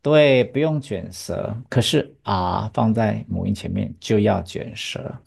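With a slightly gravelly edge to her voice and a bouncing pitch, a woman teaches English pronunciation in a patient, lively manner, explaining and drilling words with a student. She keeps asking quick checking questions throughout this bilingual lesson.

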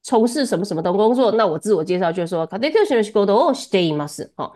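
A woman's voice: mid-range voice, animated, quick pace, mellow. A woman giving a one-on-one Japanese lesson, chatty and laughing often as she coaches pronunciation. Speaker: Japanese tutor.

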